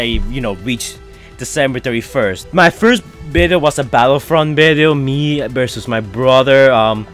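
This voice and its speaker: A young man with a foreign-sounding accent answers fan questions on his YouTube channel in a casual Q&A. His voice is a little high and slightly bright, and he rambles chattily with frequent fillers.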